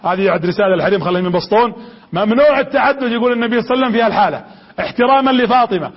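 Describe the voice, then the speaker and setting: A man's voice: high-pitched, rapid-fire. A man with a Gulf Arabic accent giving a religious lecture. He tells the story with energy and keeps putting questions to the audience. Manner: lively storytelling that quizzes the audience. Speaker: preacher. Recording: dull lo-fi lecture recording.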